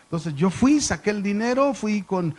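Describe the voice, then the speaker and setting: A man's voice: sits high, animated, normal speed, a little mellow. A middle-aged man, a pastor teaching a sermon and telling stories with questions to the congregation.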